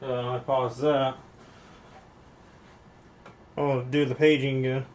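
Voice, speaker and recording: Loud music plays over this hobby video, in which a man behind a handheld camera at home demonstrates intercom gear for YouTube, rambling casually and repeating himself. His voice is mid-range with little pitch movement and a slow pace.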